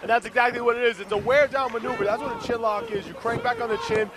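A man's voice: extremely high pitch, steady tone, quick pace, crowd noise. A man giving color commentary on a wrestling match, rambling and crude.

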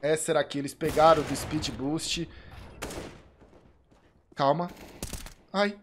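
A man with a Brazilian Portuguese accent giving excited live commentary on an esports match, breaking into shouts at big plays and repeating pleas for calm. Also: a little high, takes it slowly, a little hiss or hum. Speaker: streamer casting an esports match.

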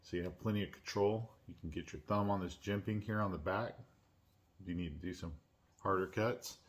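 A man hosting his own channel, unboxing and reviewing a pocket knife in a relaxed, chatty way with lots of "uh"s and restarts. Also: sits low, brisk. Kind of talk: casual unboxing and product review. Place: at home.

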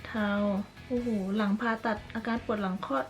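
A woman's voice: a little high, normal speed, soft background music. Chatty young woman vlogger. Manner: chatty and animated, with frequent fillers. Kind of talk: casual chat and sponsored app review.

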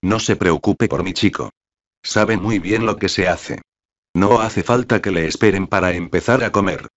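A man voicing a strict middle-aged astronomer who speaks in a measured, coldly polite way. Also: deep voice, natural voice. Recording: dull lo-fi audiobook recording.

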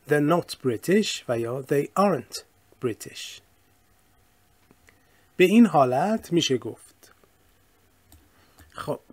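A male teacher explaining grammar in a casual way and reading example sentences slowly and clearly. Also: fairly high pitch, a little mellow, no echo. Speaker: English teacher. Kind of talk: recorded language lesson.

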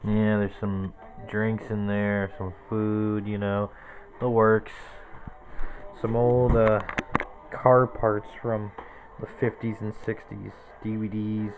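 A man's voice: on the low side, level tone, slow pace, dull audio. A man in his twenties giving a casual, rambling tour of his small cluttered bedroom, naming objects one after another into a handheld camera. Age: 20s. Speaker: vlogger. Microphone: handheld camera close to the face.

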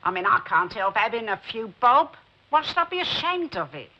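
A middle-aged working-class London woman, fairly high and lively in pitch. She is plain-spoken, touchy and unsure of herself, on a muffled old TV drama soundtrack. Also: moderate pace, a little hiss or hum. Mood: hesitant. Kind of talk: 1960s television drama acting.

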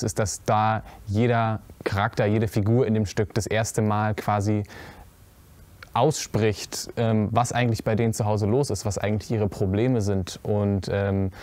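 Seated on a cinema auditorium stage in front of a curtain, a young adult actor from a musical theatre piece answers interview questions. His voice is lowish and a little mellow, and he halts often, using fillers and restarting sentences. The sound is dry and close, with no room echo.

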